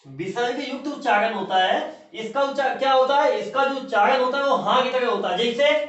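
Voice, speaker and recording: A man's voice: very high voice, brisk, fairly bright tone. A male teacher giving a classroom lecture, who repeats key terms and asks the class questions he then answers himself. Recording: echoey distant room, muffled.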